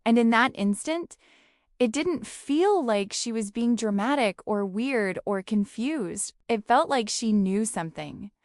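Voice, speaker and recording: A woman's voice: fairly high pitch, lively intonation, measured pace, no echo, studio quality. A woman narrating a first-person story in a casual, slangy, conversational way.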